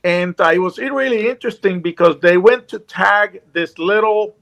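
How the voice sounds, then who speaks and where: This man from Puerto Rico, speaking with a Puerto Rican accent, joins a video call as a guest and chats casually, earnest and rambling with many restarts. His high-pitched voice is gravelly yet fairly bright, at a moderate pace.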